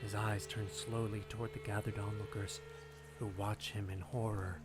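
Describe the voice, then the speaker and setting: A man narrates a scripted audio drama over loud music, pitching his voice fairly low and keeping his delivery flat. He speaks gravely and deliberately, shaping his lines for suspense.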